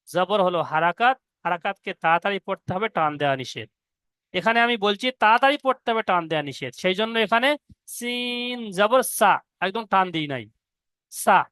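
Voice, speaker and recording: A man teaching Quran reading to students, spelling out each letter and syllable slowly. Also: sits high, expressive, pushed and bright, clean tone, no echo. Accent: Indian Bengali. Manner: slow, drawn-out syllable-by-syllable spelling. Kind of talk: spelling-out recitation lesson.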